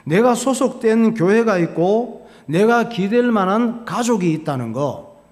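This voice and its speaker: A man's voice: high-pitched, animated, measured pace, darkish tone. A male pastor preaching a sermon in a folksy, storytelling way, asking questions and answering them himself. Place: church sanctuary. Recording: long hall reverb.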